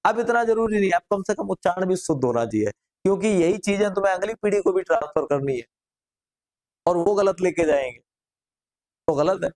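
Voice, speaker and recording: High-voiced man teaching a grammar class. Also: expressive, a little fast, darkish tone. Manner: drills students with rhetorical questions.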